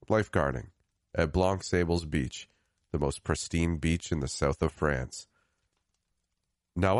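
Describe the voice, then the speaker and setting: A man reading a scripted first-person horror story in a grave, measured way, lifting the start of each new phrase. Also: low voice, dry recording, clean studio sound. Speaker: storyteller narrator.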